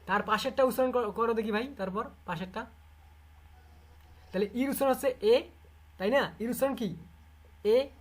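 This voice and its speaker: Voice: mid-range voice, normal speed, pauses often. A teacher with a Bangladeshi Bengali accent giving an online class, repeating sounds over and over and quizzing students. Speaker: English literature teacher.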